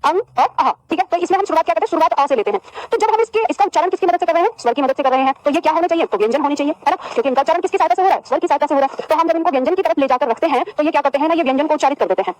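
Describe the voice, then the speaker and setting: Woman, teacher, high voice, dictating to students, asks and answers own questions, dry sound. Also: racing, few pauses, darkish tone, dry recording, rough recording. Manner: addresses students as "beta", repeats phrases for dictation. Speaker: Hindi grammar teacher. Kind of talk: classroom lesson with dictation.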